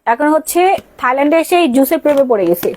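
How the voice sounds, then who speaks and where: A woman with a Bangladeshi Bengali accent hosting a live-stream sale, pitching products in a rapid-fire patter and repeating prices and calls to order. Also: lively intonation, a little mellow. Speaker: live sales host. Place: shop or stockroom during a live stream.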